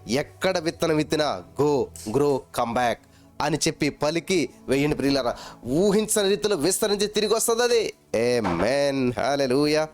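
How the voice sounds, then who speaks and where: Telugu-accented man preaching, fairly high voice. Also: lively intonation, moderate pace, faint music behind. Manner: preaching with repeated chanting phrases and swings between loud and low. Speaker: pastor. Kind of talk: sermon.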